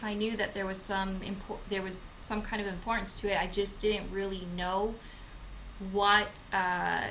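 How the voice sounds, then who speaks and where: A young woman co-hosts a channel and introduces herself casually, with many hesitant fillers and restarts. Originally from Okinawa, Japan, and raised in the United States, she records at home in Madrid. Her voice is medium-pitched and fairly bright, in a low-quality recording with slight background noise.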